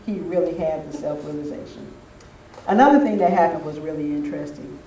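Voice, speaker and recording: An older man with a fairly high, warm voice speaks briskly, reminiscing conversationally as he gives an informal, anecdotal talk at a spiritual retreat. The recording sounds roomy, with a distant mic and faint noise.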